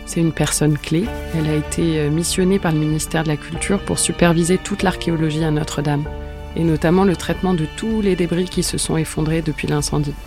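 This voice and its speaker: A man narrating a documentary report in a clear, measured voice. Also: fairly high pitch, steady tone, over music. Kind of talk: scripted narration.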